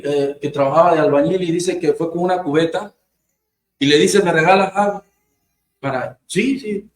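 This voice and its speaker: Male preacher, fairly high voice, conversational sermon, roomy echo with faint ambience. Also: a little hiss or hum. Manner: conversational, acts out short quoted exchanges. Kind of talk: informal church preaching.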